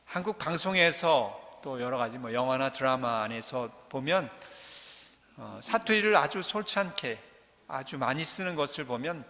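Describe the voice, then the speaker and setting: Priest preaching with bright church echo. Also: male voice, fairly high pitch. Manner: conversational, joking, asks the congregation questions. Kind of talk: sermon. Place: large church. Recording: church hall reverb.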